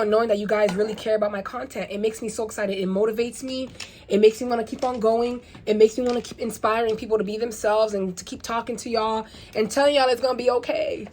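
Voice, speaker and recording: A young woman talking casually to her viewers in a rambling, animated vlog, firing off rhetorical questions. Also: a little high, a little hiss or hum. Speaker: vlogger. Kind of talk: casual get-ready-with-me vlog.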